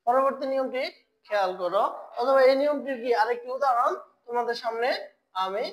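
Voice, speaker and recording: Brief: female tutor, slightly high voice, quizzes the class and answers her own questions. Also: lo-fi sound, slight background noise. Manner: asks the class questions and answers them herself; slow, drawn-out spelling of syllables. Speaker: Korean language teacher. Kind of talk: online language lesson.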